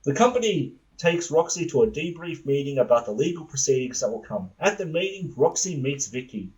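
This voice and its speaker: A podcast host telling an absurd comic story in a deadpan, rambling way. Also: male voice, fairly high pitch, a little fast, rough recording. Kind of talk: comedic storytelling.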